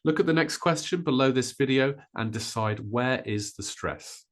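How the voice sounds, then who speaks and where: A man teaching an English pronunciation lesson, modelling stressed words with clear, deliberate delivery. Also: medium pitch.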